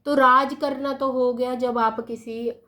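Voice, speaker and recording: A woman teaching a lesson, writing words on a board and repeating each one slowly, often asking her pupils questions. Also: high-pitched, level tone, bright, forceful tone. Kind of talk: slow classroom explanation at a board.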